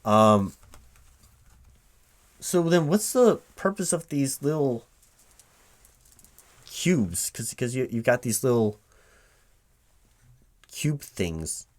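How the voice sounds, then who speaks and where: Here a man plays a recruiting manager in a one-sided, unwhispered ASMR roleplay, interviewing a gamer who is never heard. His medium-pitched voice is sing-song, and his casual, halting talk sounds like he's working things out out loud.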